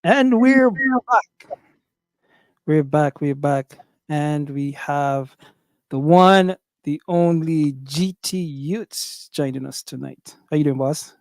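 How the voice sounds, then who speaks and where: A male interview host with a slightly high voice who speaks very slowly and deliberately. He keeps the guest talking with soft affirmations, and the sound is dry and close. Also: dry recording. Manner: unhurried, affirming with "mm" and "nice". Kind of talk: casual interview hosting.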